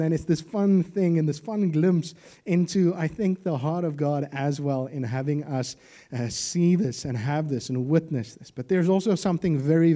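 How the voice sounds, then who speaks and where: A man preaching a sermon, lively and joking, with animated asides. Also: a little high.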